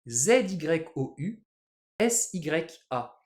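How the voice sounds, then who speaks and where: A man teaching Japanese in a casual video lesson, chatty and lively, spelling out letters. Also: fairly high pitch, extremely slow, reverberant.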